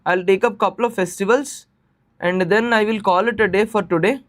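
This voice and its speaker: Male online tutor, Indian accent, notably high voice, conversational explainer who repeats key phrases and asks check questions. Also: steady tone, fairly quick, fairly bright tone. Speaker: teacher of exam preparation class. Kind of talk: live online lesson, informal explaining.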